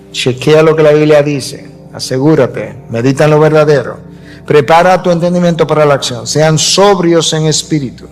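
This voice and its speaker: Man preaching a sermon over music. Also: fairly high pitch. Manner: teaching from scripture, varying pace for emphasis. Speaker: pastor.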